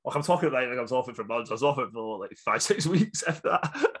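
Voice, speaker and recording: Talking fast and expressively, a young Scotsman chats casually as co-host of a football podcast, his mid-range voice fairly bright in tone. He rambles, peppering his speech with fillers and laughs.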